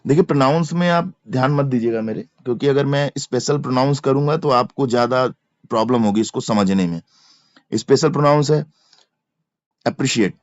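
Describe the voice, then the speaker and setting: A brisk male teacher with a Hindi accent and a mid-range voice gives an exam-prep grammar lecture, spelling words letter by letter and repeating each verb form. There is no room sound, and the lo-fi mic sounds dry and slightly dull.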